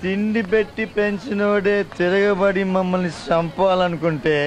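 An actor playing a bitter, betrayed outcast in a film melodrama, ranting in an embittered manner. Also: male voice, high-pitched, level tone, moderate pace, close to an everyday voice. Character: bitter, betrayed, outcast man raging at his country. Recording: film scene under loud music.

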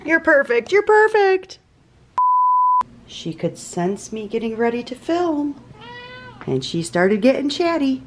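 Chatty woman vlogging, lively pitch. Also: slow, long pauses, background noise. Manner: chatty, self-interrupting, laughs at her own slips. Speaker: cooking vlogger. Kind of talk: casual meal prep vlog. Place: home kitchen, indoors. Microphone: camera mic at arm's length and on the counter.

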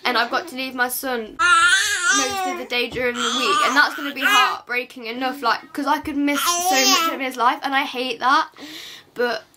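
At home at night, a teenage girl vlogs an emotional monologue to camera in a quiet, hushed voice. She speaks at normal speed in a high pitch, rambling and restarting, with background noise audible.

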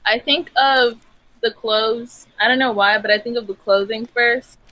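A woman's voice: on the high side, fairly even intonation, unhurried, bright, forceful tone, dry recording, poor audio. A young woman from California chatting casually and hesitantly with a stranger on video chat from her bedroom. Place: bedroom with lights.

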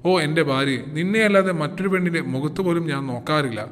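A remorseful husband who pleads and coaxes as he promises to quit drinking, voiced by a man reading aloud. The voice sits a little high and rings with a long reverb. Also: animated, fast talker, fairly bright tone. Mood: pleading.

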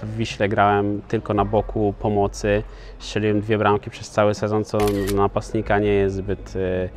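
A man's voice: lowish voice, monotone, normal speed. Hesitant man answering interview questions. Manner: hesitant, many filler sounds and restarts. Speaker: professional footballer, guest.

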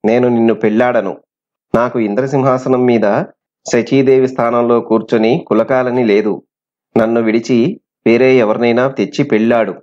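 A man's voice: medium pitch, steady tone, moderate pace, darkish tone, close to an everyday voice. A man voicing a defiant young captive princess who speaks with scorn, on a dull lo-fi recording.

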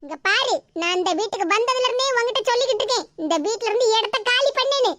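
A woman's voice: very high-pitched, fast, heavy background noise. A woman voicing a sly, spoiled young sister-in-law in a cartoon, speaking with a Tirunelveli Tamil accent in a taunting, fake-wailing manner.

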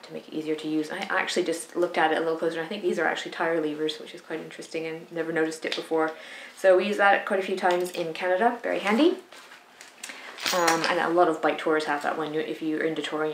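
Woman in her thirties, low-pitched voice, chatty vlog explainer, echoey home room, noisy recording. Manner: chatty, frequent "um" and asides. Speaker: cycling vlogger. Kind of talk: casual explainer to camera. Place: sunny home room with shuttered window. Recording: echoey room with audible noise.

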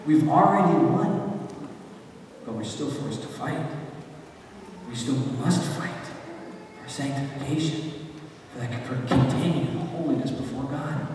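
A man preaching a sermon as pastor of a church, his delivery surging in intensity and dropping to quiet asides. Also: mid-range voice, measured pace, pauses often, background noise. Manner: impassioned preaching, rising and falling intensity. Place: church sanctuary. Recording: echoey hall, voice from far off.

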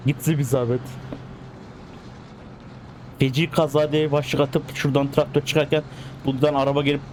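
A man giving casual, excitable commentary while playing a driving game, coaxing the cars along as if they were pets. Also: on the high side, normal speed, slight background noise. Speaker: gaming channel host.

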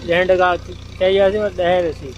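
A man's voice: high-pitched, flat delivery, darkish tone, lo-fi sound. A young man from Pakistan, chatting casually as he walks through farm fields and points things out on his phone camera. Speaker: village vlogger. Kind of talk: casual walking vlog narration. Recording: noisy outdoor phone recording.

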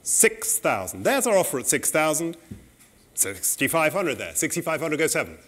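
A middle-aged man working as an auctioneer, calling bids in a saleroom in a brisk, polite, repetitive way. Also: a little high, very animated, fairly bright tone.

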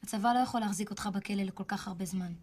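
A businesslike military officer, played by a woman, with a mid-range voice. She explains procedure briskly and matter-of-factly, without warmth or hurry. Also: medium pitch, close to an everyday voice. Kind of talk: film drama acting.

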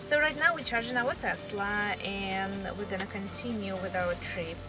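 A woman's voice: medium pitch, normal speed. A woman in her twenties chatting casually for a travel vlog, filming herself at arm's length inside a car. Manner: relaxed, chatty, filler-heavy. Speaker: vlogger. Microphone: handheld camera at arm's length. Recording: music playing loudly over the voice.

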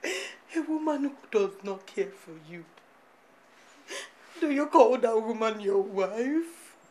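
A woman's voice: mid-range voice, big pitch swings, unhurried, darkish tone, slight background noise. An actress playing a pregnant young woman pleading with her lover, tearful.

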